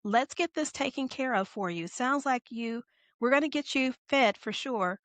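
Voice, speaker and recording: A woman voicing her gentle, patient grandmother, who calmly soothes an upset customer. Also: high-pitched, normal speed, dry recording. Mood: soothing. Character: calm, kind older grandmother running a diner.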